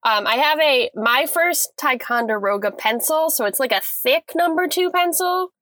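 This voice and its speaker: A woman's voice: sits high, animated, moderate pace, fairly bright tone, no echo. Sex: woman. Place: inside a closet. Sound: dry. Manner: chatty, upbeat, laughs easily. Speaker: podcast co-host. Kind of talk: casual chat over a video call. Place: inside a small clothes closet.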